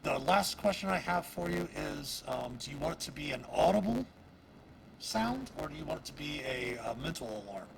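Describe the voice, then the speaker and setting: A man narrating as dungeon master of a tabletop game, halting with many fillers. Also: a little high, very animated, creaky. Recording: noisy stream audio.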